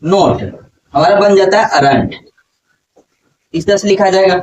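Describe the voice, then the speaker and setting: A man's voice: high-pitched, a little slow, darkish tone, dull audio. A man teaching a grammar lesson to a classroom, often asking his students questions and repeating key points. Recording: distant, light background noise.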